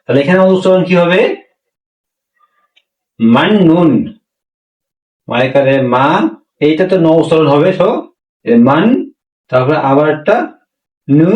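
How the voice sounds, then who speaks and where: A man's voice: a little high, lo-fi sound. A man teaching a language lesson, explaining pronunciation rules step by step, often asking a question and then answering it himself. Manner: repetitive, asks questions and answers them himself. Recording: echoey room, mic far off.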